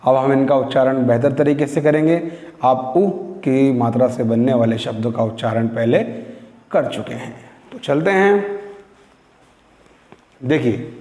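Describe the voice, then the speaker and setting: Patient teacher drawing out syllables slowly. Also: male voice, mid-range voice, dark tone. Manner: slow drawn-out syllables for learners to repeat; patient explaining, prompting pupils to repeat. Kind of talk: Hindi reading lesson for beginners. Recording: echoey room with long reverb.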